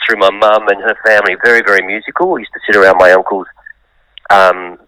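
A man's voice: lowish voice, fairly even intonation, fast talker, pushed and bright, no echo, poor audio. A man, a musician and songwriter, telling his life story in an interview, open and thoughtful with many ums. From Australia.

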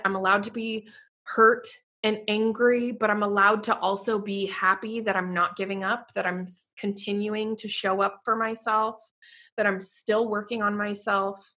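A woman's voice: medium pitch, a bit bright. A woman hosting a podcast who runs a fitness business, talking earnestly and effusively in a casual conversation, dropping plenty of "like"s and the odd swear word.

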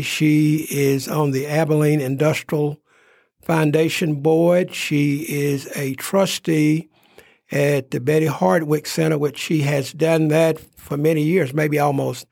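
A man's voice: a little high, flat delivery, gravelly, no room sound, studio quality. A man hosting a local interview program, speaking with frequent "uh" fillers. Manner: warm, filler-heavy, unhurried. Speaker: host. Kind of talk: interview talk show.

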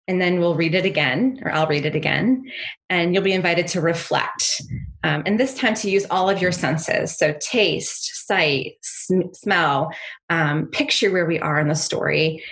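A woman with a slightly low voice leads a contemplative spiritual practice. Her manner is calm and gentle, guiding listeners to settle and ground themselves as a prayer leader would. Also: normal speed, low-quality recording. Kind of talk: guided spiritual meditation and teaching.

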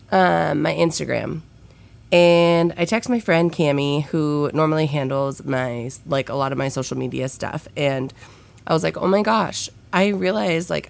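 A young woman with a head cold hosts a candid solo podcast, her low, gravelly voice nasal and stuffed-up, punctuated by sniffles. She talks frankly, swears freely, and uses lots of fillers.

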